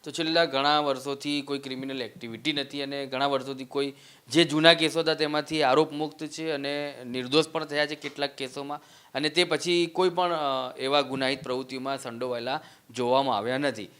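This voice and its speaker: A male reporter presses an interviewee on the details of a police case. His voice is smooth and resonant, pitched in the middle. He stops on "uh" between his points. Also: little pitch movement, a little fast, a bit bright. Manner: probing, hesitant fillers. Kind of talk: news interview questioning.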